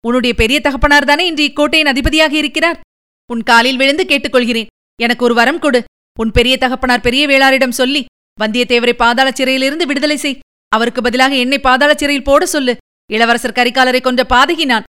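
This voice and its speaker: A woman's voice: sits high, fairly even intonation, fairly quick, sharp tone, clear, resonant tone. A woman reading the part of a grief-stricken young noblewoman in an audiobook, pleading and tearful.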